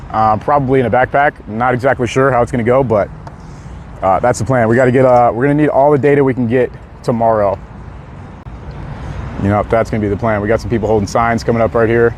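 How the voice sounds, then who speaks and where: A young man chatting casually on a live stream outdoors on a city street, laid-back and quick to laugh as he reads out chat messages. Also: medium pitch. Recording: faint street noise outdoors.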